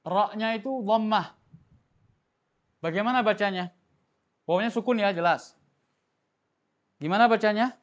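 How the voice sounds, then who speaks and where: High-voiced male tajwid teacher, lo-fi. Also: unhurried, pauses often. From Indonesia. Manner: explains patiently, asks students questions and has them repeat. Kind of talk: classroom lesson. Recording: dull lo-fi recording.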